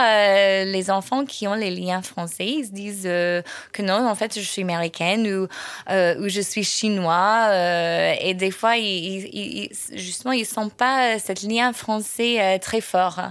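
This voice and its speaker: A woman's voice: medium pitch, measured pace, a bit bright, no echo. A woman teacher answering interview questions, hesitant with many fillers.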